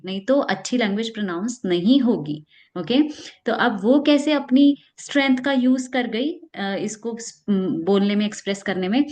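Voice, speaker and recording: A woman teaching English pronunciation in a casual spoken lesson, explaining patiently and repeating practice words slowly. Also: medium pitch, a little mellow.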